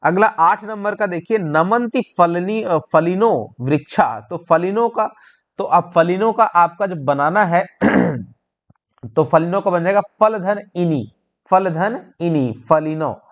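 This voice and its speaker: A man's voice: sits high, takes it slowly. A man teaching an exam-prep lesson, explaining each answer step by step and checking in with "right?".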